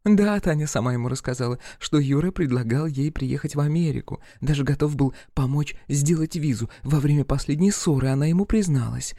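A man's voice: fairly high pitch, a little fast, hardly any pauses, dark tone, dry recording, clean studio sound. A man doing a catty, gossipy young woman. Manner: catty, chatty, dramatic. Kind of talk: audiobook character voicing.

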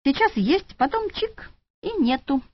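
A woman's voice: sits high, big pitch swings, a little slow, pitched above the performer's own voice. A woman voicing a cocky young male hospital orderly who jokes in a flippant, mock-philosophical way. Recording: lo-fi audiobook recording.

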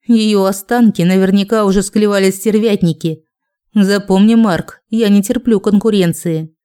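A woman's voice: mid-range voice, steady tone, moderate pace, warm tone, clean tone, lightly acted. A woman reading a jealous, scheming young wife. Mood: cold.

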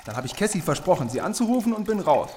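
A man's voice: sits high, very animated, darkish tone, slight background noise. An actor playing a nervous, earnest man who wants to be a superhero, in a radio drama. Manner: nervous, hurried. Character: flustered would-be superhero man, anxious and earnest.

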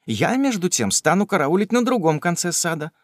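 A man voicing a timid, eager young housemaid in a high, breathless, fussy voice. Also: sing-song, brisk, dry recording, studio quality. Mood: flustered.

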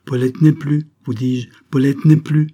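Man voicing grieving young mother, insistent, anguished, husky. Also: medium pitch, little pitch movement, a little slow, dark tone, highs cut off, voice pushed up.

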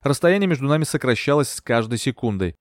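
A man reading a thriller audiobook in steady, even storytelling narration. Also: medium pitch, fast talker, dry recording, clean studio sound. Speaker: audiobook reader. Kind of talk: scripted narration.

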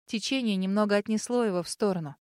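A woman narrating a first-person fantasy audiobook in a lively, expressive manner. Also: mid-range voice, quick pace, clear, resonant tone, no echo, studio quality.

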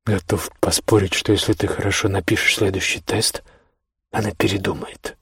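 A man reading the lines of a calm, supportive older brother who speaks in a quiet, reassuring way. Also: sits low, normal speed, breathy edge, dry recording, clean studio sound, full character voice.

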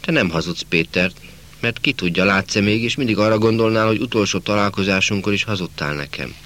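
A man voicing a kind, fatherly army officer and teacher who speaks gently and calmly. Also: on the low side, lightly acted. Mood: gentle fatherly.

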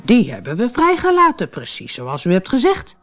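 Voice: medium pitch, wildly swooping pitch, normal speed, fairly bright tone, soft background music, voice pushed up. A storyteller from the Netherlands voicing a hesitant, stammering male pirate bosun in a storybook reading. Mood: eager.

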